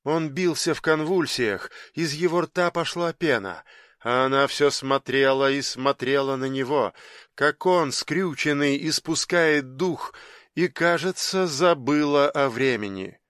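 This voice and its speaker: Male audiobook narrator, slightly higher voice, very slow measured telling, dramatic. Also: fairly bright tone, smooth, no echo, clean studio sound.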